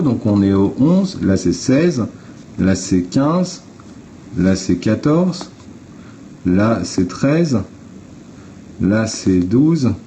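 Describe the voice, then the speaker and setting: A man's voice: fairly low pitch, warm tone, a little hiss or hum. A man on a phone livestream, talking to viewers in a blunt, informal way and explaining step by step. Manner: blunt, informal, swears, addresses viewers directly. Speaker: livestream host. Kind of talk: casual explanatory livestream talk.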